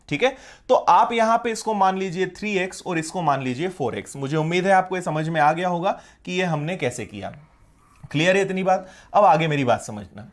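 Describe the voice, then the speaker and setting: A man with a fairly high voice teaches maths in a live online class and speaks with a Hindi accent. He walks through each step slowly and keeps asking his students whether it makes sense. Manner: explains step by step, checks often if students follow.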